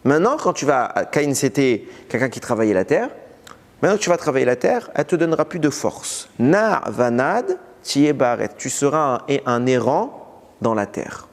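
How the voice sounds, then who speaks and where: A man, a rabbi, giving a recorded Torah lesson. He teaches in a lively way, posing questions and answering them himself. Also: mid-range voice, moderate pace, in a large hall.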